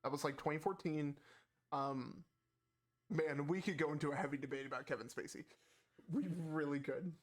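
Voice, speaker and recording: Podcast co-host, man, a bit high-pitched, chatty and meandering. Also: moderate pace. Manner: rambling, many fillers and restarts. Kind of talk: casual gaming chat.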